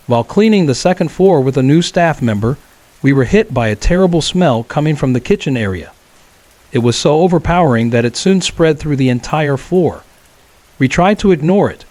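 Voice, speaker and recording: A man telling a true horror story as scripted narration, in a calm, measured way. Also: fairly high pitch, dry recording.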